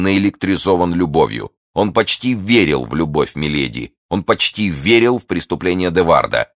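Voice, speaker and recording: A man narrating a classic novel as an audiobook in an expressive storytelling manner. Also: low-pitched, dry recording, studio quality.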